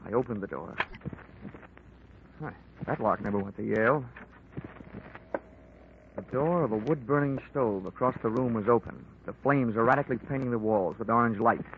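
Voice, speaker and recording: An actor with a mid-range voice plays a hard-boiled insurance investigator narrating his own case in a 1940s radio drama, dry and wisecracking. He talks at normal speed with frequent pauses in a natural voice, his narration terse. The broadcast sounds old and muffled, with music and a little background noise.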